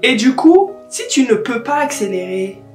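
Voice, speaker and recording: A woman's voice: on the high side, big pitch swings, normal speed. A woman book vlogger chatting casually to camera, sprinkling English words into her talk. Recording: roomy echo with faint guitar music.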